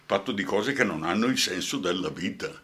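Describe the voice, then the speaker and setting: A man's voice: deep voice, expressive, fairly quick, fairly bright tone. An older man with a Brescian accent, an actor guest in a radio interview, talking passionately and often asking "hai capito?".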